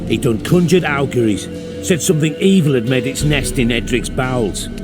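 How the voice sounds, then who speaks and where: An actor playing a rough, surly peasant gang leader in a video game, with a menacing, rustic way of talking. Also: male voice, medium pitch, normal speed, music in the background, close to an everyday voice. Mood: hostile.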